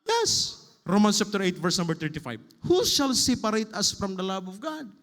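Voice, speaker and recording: A man preaches a Sunday sermon in a church, moving between Cebuano and English. He reads scripture with rising, emphatic lists. His fairly high voice trails off into a long hall reverb. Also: big pitch swings, normal speed, a bit bright. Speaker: pastor. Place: church sanctuary.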